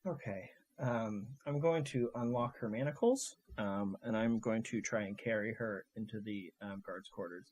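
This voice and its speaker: A man's voice: fairly low pitch, normal speed, few pauses, a little mellow, husky. A man playing a tabletop game casually, talking hesitantly with lots of ums and restarts. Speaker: player.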